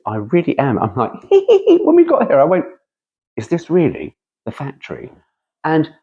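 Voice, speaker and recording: A British man hosts a car vlog, chatting casually and reading brochure copy aloud, full of playful, rambling asides and self-interruptions. His voice is fairly low, darkish and husky, and the recording has its highs cut off.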